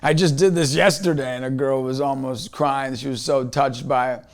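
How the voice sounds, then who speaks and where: A man's voice: mid-range voice, fairly even intonation, moderate pace. A man, a motivational speaker, telling a personal story in an earnest way, often repeating words as he restarts a thought.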